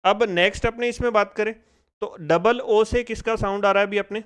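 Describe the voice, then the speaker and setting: A man's voice: high-pitched, steady tone, a little fast, fairly bright tone, clear, resonant tone. A man teaching a spoken phonics lesson in speech, asking the class questions and drilling each sound step by step. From India.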